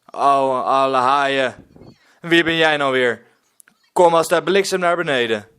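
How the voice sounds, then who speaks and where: A man doing a gruff old pirate. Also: mid-range voice, animated, takes it slowly, a bit bright. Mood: cross. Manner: grumbling, barking orders.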